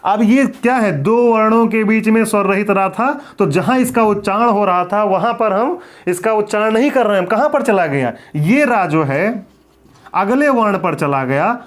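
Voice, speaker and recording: High-voiced man teaching a grammar lesson. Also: animated, moderate pace. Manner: asks questions and answers them himself, repeats key points. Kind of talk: classroom grammar lecture.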